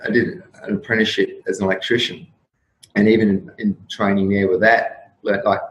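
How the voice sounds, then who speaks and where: A man in his fifties, a guest on an interview show, musing in a rambling, reflective way with frequent restarts and soft laughs. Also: on the low side, flat delivery, a little fast. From Australia. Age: 50s. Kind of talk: casual interview talk. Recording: roomy echo with faint room noise.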